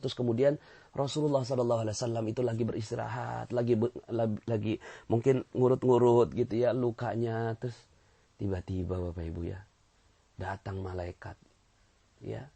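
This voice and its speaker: A man teaching a casual sermon to a congregation, animated, often turning to address his listeners and sometimes dropping to a near-whispered mutter. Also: fairly low pitch, gravelly, slightly rough. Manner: animated, acts out quotes, keeps addressing listeners. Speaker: Islamic teacher.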